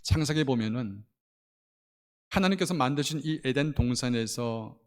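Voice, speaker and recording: A middle-aged man from Korea preaching a sermon as pastor, swinging from loud passionate appeals to hushed storytelling. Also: mid-range voice, animated, normal speed. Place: church sanctuary. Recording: long church hall reverb.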